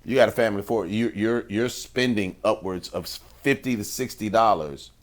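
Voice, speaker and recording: A man with a low voice co-hosts a podcast in easy conversation. He repeats key phrases to stress them and uses loose everyday grammar. He backs up the other speakers with steady "yeah"s. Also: moderate pace. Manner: affirming, with lots of "yeah" and "mm", repeating his own phrases for effect; relaxed colloquial grammar. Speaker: podcast co-host.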